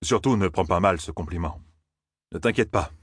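A flattering, calculating captain, read by a male narrator who probes with courteous words. The voice is very deep and husky, and the recording is dry and close. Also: moderate pace, no echo. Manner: smooth, courteous and probing.

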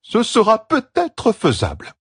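A man playing a gruff stern elder woman. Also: high-pitched, wildly swooping pitch, a little slow, fairly bright tone, no room sound, clean studio sound, voice pushed up, exaggerated voice. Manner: grumbling.

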